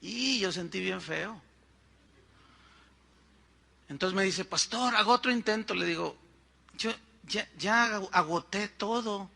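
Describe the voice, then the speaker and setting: An older Mexican pastor preaches with a high, very bright voice. He tells stories conversationally, slipping into the voices of the people he quotes and tossing in asides to the congregation. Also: slow pace, creaky, long pauses. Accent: Mexican Spanish. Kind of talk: sermon with storytelling.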